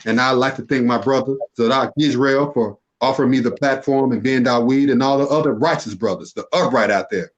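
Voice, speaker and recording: A man's voice: mid-range voice, a little fast, hardly any pauses. A man, a podcast guest, delivering an impassioned religious warning full of rhetorical questions and emphatic repetition. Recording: dull lo-fi audio.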